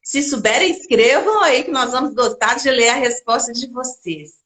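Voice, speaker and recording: A woman teacher and storyteller telling a children's folktale live, animated and talking straight to her audience. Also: high-pitched, normal speed. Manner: animated, addresses the audience directly. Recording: echoey room.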